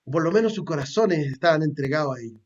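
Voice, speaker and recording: A man's voice: on the high side, lively intonation, fast, lo-fi sound. A man with a Chilean Spanish accent preaching a sermon, reading scripture aloud and explaining it in a plain, conversational way with fillers and repeated words. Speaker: pastor.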